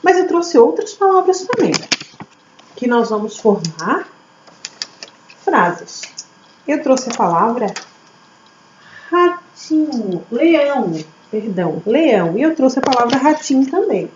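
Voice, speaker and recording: A woman teacher, slowly sounding out words syllable by syllable for young children. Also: on the high side. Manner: slow, syllable-by-syllable, lively teacher questions. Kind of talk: early literacy lesson for children. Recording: echoey room, slightly dull audio, faint hum.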